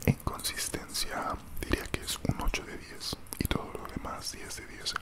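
A young man whispers casually in a breathy ASMR style right up at the microphone, chewing gum as he chats. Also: normal speed. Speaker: ASMR creator. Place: small room indoors at home. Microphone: large desktop condenser mic, very close.

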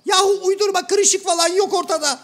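Brief: a prim, fussy shadow-play gentleman in a very high, thin voice, formal and exasperated. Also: steady tone, brisk. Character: Hacivat, prim exasperated educated gentleman, male. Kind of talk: comic shadow-play sketch.

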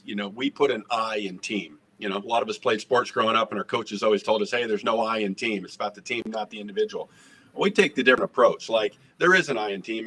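A man's voice: lowish voice, recorded from a distance. A middle-aged man, a restaurant executive, talking earnestly and energetically in a video interview from his home office. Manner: earnest, energetic, gestures while talking, repeats words. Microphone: webcam on a video call.

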